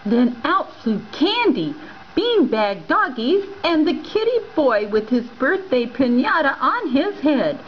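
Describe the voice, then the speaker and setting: Woman reading a storybook aloud, playful and expressive, unhurried, slightly dull recording with faint hiss. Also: high-pitched. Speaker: reader.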